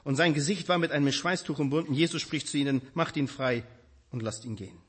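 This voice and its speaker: A man preaching a sermon, addressing his congregation directly with emphatic, animated delivery. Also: fairly high pitch, fast, husky.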